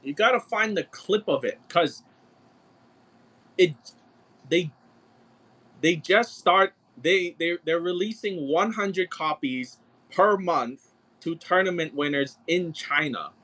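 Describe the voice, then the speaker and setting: A man's voice: fairly high pitch, animated, slow pace, long pauses, bright, forceful tone. A man hosting a livestream, talking in a blunt, exasperated way and swearing often. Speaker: livestream seller. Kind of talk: casual livestream chat.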